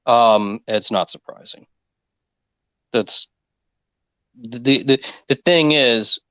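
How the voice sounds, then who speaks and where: A man's voice: mid-range voice, a bit bright, dry recording. A man in a casual online voice chat about crypto, asking questions and restarting his sentences. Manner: questioning, rambling with repeated restarts. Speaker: participant in a crypto community audio space.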